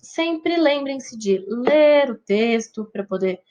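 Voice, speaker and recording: A woman's voice: sits high, lively intonation, slow pace, darkish tone, lo-fi sound. A woman teacher with a Brazilian Portuguese accent explaining English grammar patiently, often checking in with her students. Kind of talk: recorded grammar lesson.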